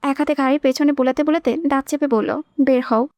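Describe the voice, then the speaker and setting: A woman narrates a romantic novel in a high, clear voice. The recording is close and dry, with no room sound. She gives the characters' lines a touch of their own tone. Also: fairly even intonation, fast, darkish tone, dry recording. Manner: reads all characters herself, shifting tone for quoted lines. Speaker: audiobook narrator.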